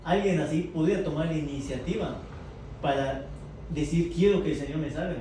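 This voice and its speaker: A man's voice: a little high, moderate pace, mellow. Man teaching scripture in an echoey room. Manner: asks the group questions, tags lines with "verdad?". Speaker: Bible study teacher. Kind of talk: interactive Bible class. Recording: echoey room from far off, faint noise.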